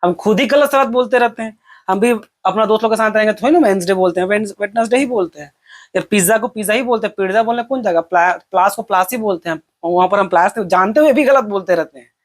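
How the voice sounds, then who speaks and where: A man's voice: sits high, quick pace. Chatty young male exam-prep teacher. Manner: conversational, asks and answers his own questions.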